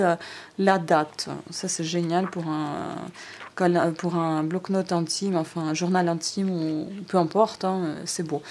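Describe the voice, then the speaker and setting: A woman with a somewhat low voice talks straight to her viewers in a casual show-and-tell vlog. She hesitates often and fills pauses and restarts as she goes. She is recorded by a camera on a tripod. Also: darkish tone, a little hiss or hum. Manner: hesitant, many fillers and restarts; chatty, addresses viewers directly. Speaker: stationery haul vlogger. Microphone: DSLR camera on tripod.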